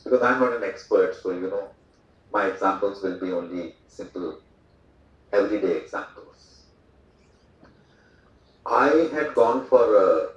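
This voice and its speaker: A man's voice: deep voice, a little mellow. A man from India giving a conversational speech at a port event, with fillers and asides. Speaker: speaker at a port day event. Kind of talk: public speech with anecdotes. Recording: echoey hall, voice from far off, dull sound.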